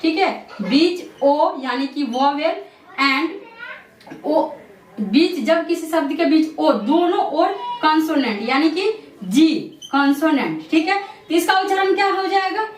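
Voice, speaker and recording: A woman, teaching English pronunciation in a classroom style. She keeps asking questions and answering them herself, with a steady stream of "theek hai". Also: extremely high pitch, a little hiss or hum. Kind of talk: classroom-style lesson explanation. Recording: echoey room, voice from a distance.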